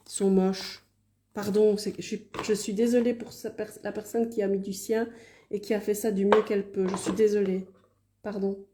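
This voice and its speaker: A woman with a Liège Belgian French accent chats through a live card reading. Her voice is warm and relaxed, her manner casual and apologetic as she answers viewers. She sometimes leans away from the mic while handling cards. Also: mid-range voice. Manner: chatty, apologetic asides, reads viewer comments aloud. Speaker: card reader hosting a live stream.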